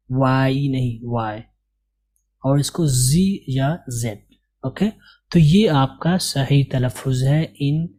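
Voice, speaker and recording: This man's voice is mid-range with a dark tone. He teaches English letters slowly and patiently, repeating material and asking questions of the learner that he then answers himself.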